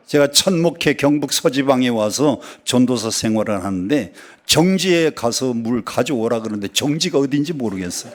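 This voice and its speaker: A man preaching a sermon in a church, telling stories with sudden high exclamations and dialect jokes. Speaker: pastor. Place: church sanctuary.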